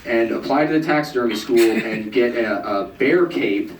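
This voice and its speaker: Man, young, stand-up comic, deadpan, self-mocking, distant mic, loud hiss. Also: normal speed. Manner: deadpan, self-mocking, acts out other people in a high mocking voice. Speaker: stand-up comedian. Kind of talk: stand-up set. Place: comedy club stage with audience laughing. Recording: echoey, distant amateur club recording with loud noise.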